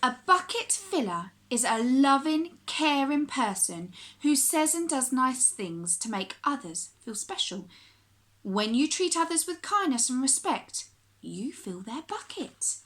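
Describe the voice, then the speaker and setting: A woman with a high-sitting voice reads a children's picture book aloud the way a primary teacher would. Her phrasing is expressive and deliberate, pitched for young listeners.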